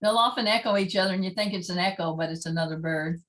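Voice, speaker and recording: Talking fast in a fairly low, fairly bright voice, a woman presents on owls at a library and plays recordings for the audience. Chatty and keen, she says sorry for minor slips, and the recording quality is low.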